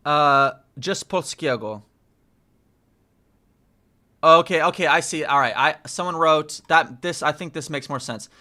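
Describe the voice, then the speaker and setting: A native English-speaking man streams his Polish study, speaking with an English accent in a slightly high, pushed, bright voice. He thinks aloud casually, repeating phrases slowly and quizzing himself with questions.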